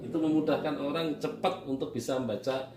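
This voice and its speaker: A man teaches Quran reading at a whiteboard, patiently and repetitively posing questions and answering them himself. His slightly high voice is brisk and a little mellow, caught by a distant mic in an echoey room with faint noise.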